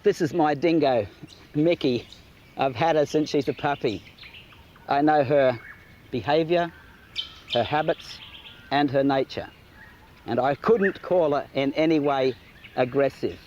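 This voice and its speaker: Easygoing man, raised pitch. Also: unhurried, long pauses, darkish tone, highs cut off, slight background noise. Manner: easygoing, talks to his dog. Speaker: wildlife presenter. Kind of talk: presenting to camera.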